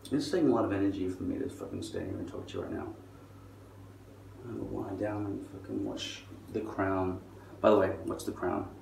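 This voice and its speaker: Low-voiced man ranting in an echoey room. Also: big pitch swings, brisk, creaky. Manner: sardonic, profane. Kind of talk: rambling monologue rant. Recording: distant mic, roomy echo, faint noise.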